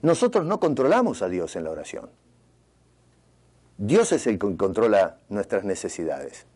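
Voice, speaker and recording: A male pastor preaching a sermon in an emphatic, sometimes sarcastic way, dropping his voice low on key words. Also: wildly swooping pitch, normal speed, warm tone. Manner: emphatic, sarcastic preaching with sudden drops in pitch. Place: church retreat.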